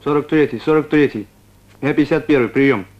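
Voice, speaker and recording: A man's voice: mid-range voice, a little fast. A man in a war film calling over a tank radio set, repeating call signs in clipped radio protocol. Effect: voice heard over a tank radio set. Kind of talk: 1970s war film acting. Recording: muffled lo-fi radio sound.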